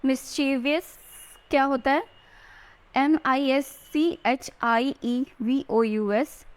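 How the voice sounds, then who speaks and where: Woman teacher, high voice, coaching exam spelling with frequent check-ins. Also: steady tone. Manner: spells words out letter by letter, slowly. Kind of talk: exam-prep spelling lesson.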